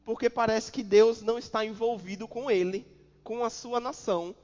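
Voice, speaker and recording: A male pastor with a Brazilian accent preaches in a high voice, stacking repeated phrases and landing them with sudden force. The sound is dull and muffled. A long reverb trails each line across the church hall. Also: steady tone, normal speed. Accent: Brazilian Portuguese. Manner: preaching with repetition and sudden loud emphasis. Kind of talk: sermon.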